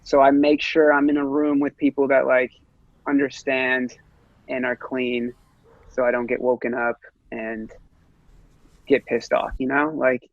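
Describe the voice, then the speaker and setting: A man's voice: medium pitch, flat delivery, a little slow, no echo, narrow, tinny audio. A man in his late twenties, a guest musician chatting casually on a podcast, rambling with lots of fillers and swearing freely. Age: 20s.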